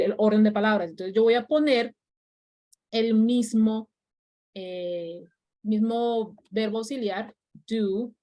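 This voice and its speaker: A woman's voice: mid-range voice, darkish tone. Patient woman teaching a class. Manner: patient, checks understanding often. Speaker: English teacher. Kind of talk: online class explanation.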